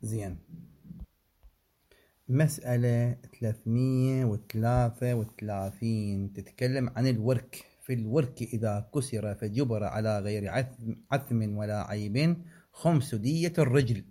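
A man teaching religious law in a seminary-style lecture. He recites figures from a text in a measured way, breaking off for short asides and corrections. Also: mid-range voice, dark tone.

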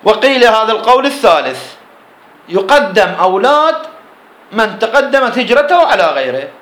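A man's voice: high-pitched, very animated, normal speed, a bit bright, roomy sound, low-quality recording. A man with an Iraqi Arabic accent teaching a jurisprudence class, explaining a text line by line and posing questions he answers himself.

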